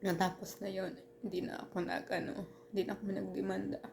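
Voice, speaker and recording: A woman telling a personal story in casual storytime style, halting with many restarts and fillers, earnest and turning heated at times. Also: mid-range voice, flat delivery, gravelly, a little mellow, slight background noise.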